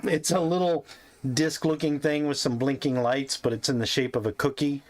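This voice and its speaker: A man runs a tabletop game as game master, with an average pitch. He narrates in a laid-back way and chuckles often. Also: steady tone, moderate pace.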